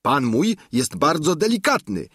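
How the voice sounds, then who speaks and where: A man's voice: a little high, big pitch swings, measured pace, a bit bright, breathy edge, dry recording, clean studio sound, voice pushed up, full character voice. A man voicing a blunt, hungry peasant squire who is pushy and impatient, in an audiobook reading. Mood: demanding.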